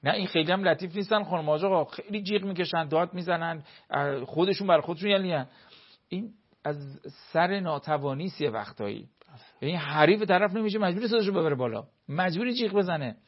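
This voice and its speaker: A man's voice: sits high, expressive, breathy edge, highs cut off. A man, a cleric, giving earnest marriage advice in an explanatory talk full of everyday examples.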